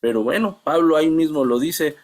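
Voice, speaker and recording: A middle-aged man giving an earnest, halting testimony in a church Bible class, often calling his listeners brothers. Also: on the high side, animated, darkish tone.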